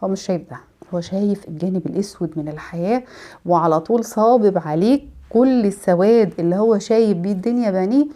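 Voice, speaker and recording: A woman with an Egyptian accent giving a life-advice talk, explaining in an animated way. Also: medium pitch, fast. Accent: Egyptian Arabic. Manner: explanatory, animated, acts out examples.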